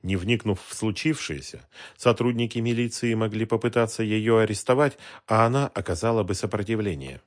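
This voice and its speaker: A man with a fairly low voice narrating an audiobook. His reading is measured and dramatic, steady through the tense scene. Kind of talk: scripted narration.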